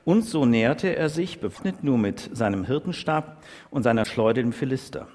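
A man preaching a sermon. He reads a Bible story aloud and then talks about it with lively emphasis. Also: medium pitch, moderate pace, in a large hall.

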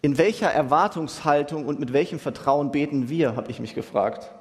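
Young male preacher with a casual, slangy delivery, slightly high voice, heard in a hall with long reverb. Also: moderate pace. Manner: casual, youthful slang, asks "Ja?" often. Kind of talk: sermon.

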